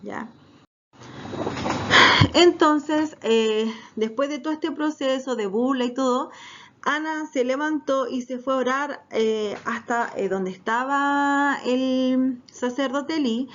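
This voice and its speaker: Woman Bible-class teacher, fairly high voice, hesitant with fillers, dull lo-fi sound. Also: slow. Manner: hesitant, many fillers, asks "right?". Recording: dull lo-fi recording.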